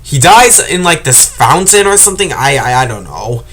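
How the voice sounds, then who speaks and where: A man's voice: fairly high pitch, very animated, moderate pace, a bit bright, a little hiss or hum. A man vlogging to camera, tearful and choked up, rambling and hesitant with many restarts. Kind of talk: emotional casual monologue to camera.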